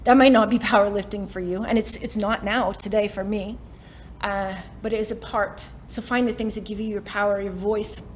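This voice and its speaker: Speaking at a moderate pace with fairly even intonation, this woman has a mid-range voice, and the recording carries a slight hiss or hum. She's a keynote speaker from Canada, in her forties, delivering a motivational talk on a summit stage before a live audience, chatty, poking fun at herself and frequently laughing between lines.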